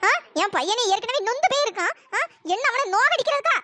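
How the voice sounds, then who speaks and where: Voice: extremely high pitch, animated, quick pace, very noisy. A performer voicing a scornful, bossy middle-aged mother-in-law in a cartoon story. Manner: sneering, bossy.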